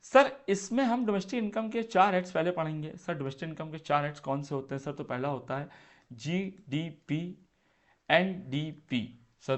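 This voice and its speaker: Animated teacher firing quiz-style questions. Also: male voice, a little high. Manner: asks students questions and answers them himself; repeats key terms, mixes English phrases. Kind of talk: exam-prep lecture.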